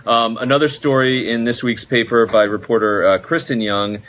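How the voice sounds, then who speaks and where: A man hosting an unscripted local news discussion, feeling his way through sentences with halting phrasing. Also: mid-range voice, flat delivery, a bit bright, a little hiss or hum. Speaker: news show host.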